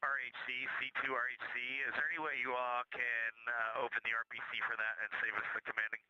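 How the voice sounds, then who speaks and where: Man on a crackly breaking-up space radio, distant and dull lo-fi, very bright tense tone, terse clipped calls. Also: medium pitch, little pitch movement, fast, no room sound. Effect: crackly breaking-up space-to-ground radio. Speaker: astronaut commander. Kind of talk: terse mission radio call.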